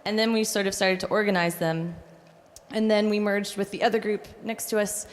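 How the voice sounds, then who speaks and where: A woman's voice: mid-range voice, level tone, normal speed. A young woman, a student on a panel, explaining hesitantly with many hedging fillers into a handheld mic. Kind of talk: informal panel answer. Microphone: handheld microphone. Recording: long hall reverb.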